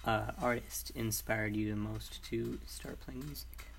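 A man's voice: on the low side, fairly even intonation, measured pace, vocal fry, a little hiss or hum. A man co-hosting a casual podcast, asking questions and throwing in dry, teasing quips. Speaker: podcast co-host. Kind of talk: casual chat.

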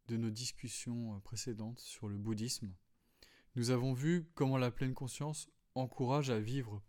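A man hosting a solo podcast, calmly explaining philosophy, with frequent fillers and restarts. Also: mid-range voice. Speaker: podcast host. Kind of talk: reflective solo talk on philosophy.

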